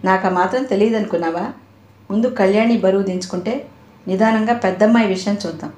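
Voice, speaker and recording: A woman's voice: medium pitch, fast, darkish tone, natural voice. A woman voicing a grumbling, self-serving middle-aged father who snaps at his wife, recorded in an echoey room. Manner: grumbling, scolding.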